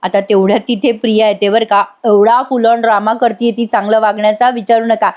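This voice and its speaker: A woman's voice: a little high, little pitch movement, fairly quick, darkish tone. A woman recapping a TV serial episode as a voice-over, speaking in a Marathi accent, with chatty asides to viewers and acted-out character lines. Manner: retells scenes, acting out characters' lines. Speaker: TV serial reviewer.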